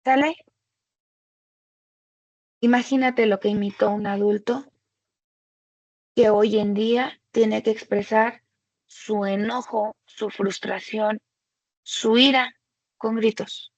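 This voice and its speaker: A woman presenting a webinar lecture for tutors, explaining slowly and conversationally and often checking in with a rhetorical "¿sale?". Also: medium pitch, fairly even intonation, dry recording, muffled recording.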